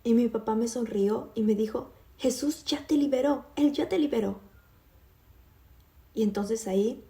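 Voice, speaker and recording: A woman in her twenties from Puerto Rico, telling her personal faith testimony in an earnest, halting way with many fillers. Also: fairly high pitch, dark tone, roomy sound.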